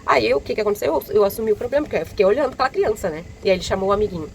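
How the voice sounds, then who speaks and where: A woman's voice: medium pitch, very fast, creaky, rough recording. A young Brazilian woman vlogger telling a story in a casual, indignant way, acting out what people said. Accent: Brazilian Portuguese. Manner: indignant, animated retelling with quoted dialogue. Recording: loud vehicle noise behind.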